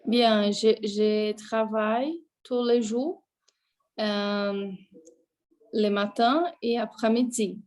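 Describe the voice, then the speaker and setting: A woman student, native Portuguese speaker, answering in halting, hesitant French and sounding tired. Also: a little high, steady tone, darkish tone.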